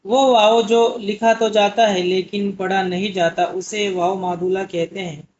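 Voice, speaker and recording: A man's voice: high-pitched, level tone, measured pace, a little mellow, a little hiss or hum. Guy teaching urdu for an exam, patient, quizzes then answers himself, kinda muffled recording. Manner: explains patiently, asks questions and answers them himself. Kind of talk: exam-prep lesson. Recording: muffled lo-fi audio.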